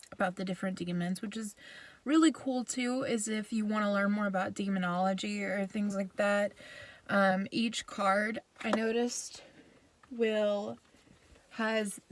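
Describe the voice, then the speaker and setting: A woman's voice: mid-range voice, no room sound. A woman giving a casual, chatty review with a self-deprecating manner, recorded inside a parked vehicle. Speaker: video reviewer.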